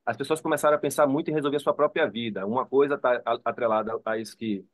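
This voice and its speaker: A man's voice: mid-range voice, quick pace, no echo. A man with a Bahian Brazilian accent, making an informal, rambling comment as a participant in an online seminar. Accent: Bahian Brazilian Portuguese. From Salvador, Bahia, Brazil. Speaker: seminar participant, psychoanalysis student.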